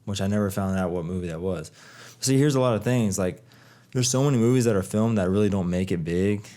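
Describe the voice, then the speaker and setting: A man's voice: on the low side, fairly quick, dark tone. A young man hosting a podcast, chatting casually with an old friend, telling stories with plenty of swearing. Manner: laid-back storytelling, heavy swearing. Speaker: podcast host. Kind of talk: casual chat.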